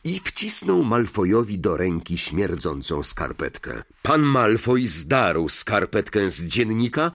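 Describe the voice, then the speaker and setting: A man reading an audiobook aloud as narrator, slow and dramatic. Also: lowish voice, sing-song, creaky, fairly bright tone.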